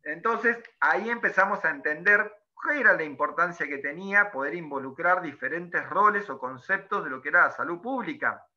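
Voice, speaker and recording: A man's voice: a little high, moderate pace, hardly any pauses, sharp tone. Male teacher giving a class lecture, keeps checking in with the students, muffled lo-fi sound. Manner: explanatory, checks in with frequent "¿sí?". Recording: dull lo-fi recording.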